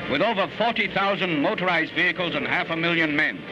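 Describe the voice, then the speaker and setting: A man narrating an old 1940s newsreel with brisk, emphatic announcing. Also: on the high side, dull audio. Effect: old newsreel soundtrack. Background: loud music.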